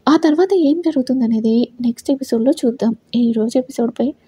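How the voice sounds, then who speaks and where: A woman narrating a serialized love story in a gentle, even storytelling manner. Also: on the high side, brisk, husky, no echo. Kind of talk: scripted narration.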